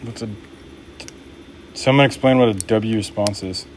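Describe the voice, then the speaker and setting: A man's voice: fairly low pitch, unhurried, a little hiss or hum. A young man making knives and chatting casually with his live-stream viewers while he works, upbeat and laid-back. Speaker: knife maker live-streaming his work.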